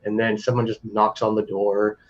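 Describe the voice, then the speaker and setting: A man's voice: lowish voice, monotone, moderate pace, a little hiss or hum. A man narrating as game master in a tabletop game, loose and rambling with many fillers. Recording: dull lo-fi with faint music.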